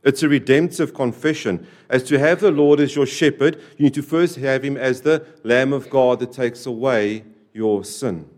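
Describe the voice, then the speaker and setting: A man preaching a sermon to a church, repeating key phrases and swinging between loud, stressed lines and quiet, dropped endings. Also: medium pitch, fairly even intonation, moderate pace, few pauses. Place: church service.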